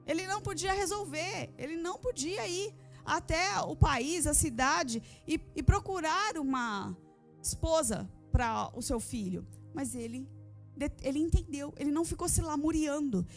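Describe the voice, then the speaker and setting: A woman pastor with a notably high voice preaches a fervent sermon, repeating key phrases and firing rhetorical questions at the women of her congregation. Soft music plays faintly behind her in the church. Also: lively intonation, normal speed. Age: adult with a daughter. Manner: addresses the women of the congregation directly. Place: church service.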